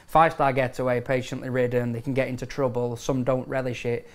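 A man's voice: medium pitch, level tone. A man tipping bets as a racing pundit, emphatic and tripping over words now and then. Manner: emphatic, with quick stumbles. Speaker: racing pundit, betting tipster. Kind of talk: analytical chat.

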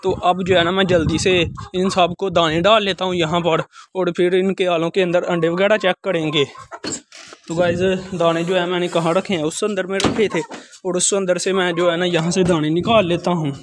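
A young man with a fairly high voice narrates his farm chores in an outdoor village courtyard with poultry, chatting directly to viewers and calling them "guys." As a village life vlogger giving a casual walkthrough, he speaks at normal speed with little pitch movement and keeps repeating filler phrases. It's recorded on a phone held at arm's length, with slight background noise.

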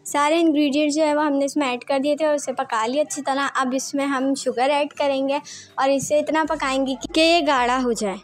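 A woman with a high, light voice talks through a recipe step by step. Her tone is calm and plainly instructional, like a cooking channel voice-over. Faint music plays softly underneath. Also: a little fast.

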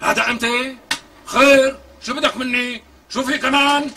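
A snappish Syrian grump, high and bright. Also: male voice, fairly even intonation, moderate pace, slight background noise, exaggerated voice. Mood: irritated. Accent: Syrian Arabic. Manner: snappy, exasperated, curses freely. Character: irritable, brusque man who wants to be left alone. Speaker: stubborn lodger. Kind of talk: TV comedy acting.

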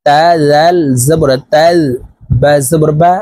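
A male Quran reading teacher with a fairly high but dark, mellow voice, spelling out words syllable by syllable. He stretches recited verses into a slow chant between brisk rule explanations. The sound is close and dry. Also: flat delivery, no echo. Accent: Bangladeshi Bengali.

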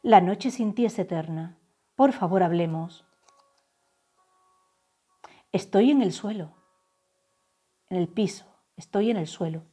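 Soft-spoken woman reading tarot, warm and breathy. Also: fairly low pitch. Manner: slow, soft, drawn-out channeled phrases. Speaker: tarot reader. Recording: faint background music.

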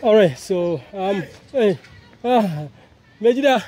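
This vlogger, a Twi-speaking man with a Ghanaian accent, talks slowly to camera in a warm, high voice with lively intonation. He jokes and chats with his viewers while walking around a housing complex, filming on a handheld phone that picks up plenty of outdoor noise.

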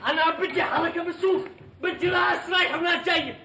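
Casting: flustered bossy studio crew man, very high, rapid, comic, echoey set. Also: vocal fry, far from the mic, loud music behind the voice. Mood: agitated. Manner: excitable, barking orders. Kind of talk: colloquial comic TV acting.

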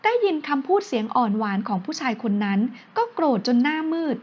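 High-voiced woman narrating a romance novel. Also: big pitch swings, brisk, highs cut off.

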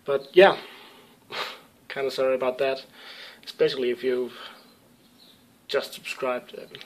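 Unhurried, with fairly even intonation in a mid-range voice, a young Danish gamer answers viewer questions on a casual YouTube webcam vlog from a small room indoors at home. There's a little hiss or hum, and his Danish-accented English, a second language, is hesitant, packed with ums and restarts.

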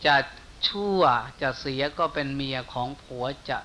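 A monk preaching a sermon with an Isan Thai accent, telling a folk story in folksy speech and softening his voice for quoted lines. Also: medium pitch, expressive, a little slow. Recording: faint hiss.

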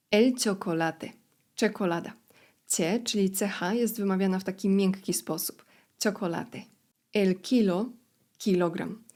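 A woman teaching a vocabulary lesson, saying each word clearly and then its translation, with short pronunciation tips. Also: mid-range voice, darkish tone. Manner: slow, deliberate word-by-word pronunciation drills. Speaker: Spanish teacher.

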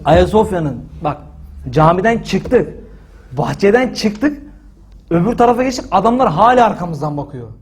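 A man telling a story in casual talk, animated and indignant, acting out the lines of the people in it. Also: high-pitched, normal speed, breathy edge. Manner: animated, acts out quoted dialogue with frequent "dedim"; indignant and emphatic.

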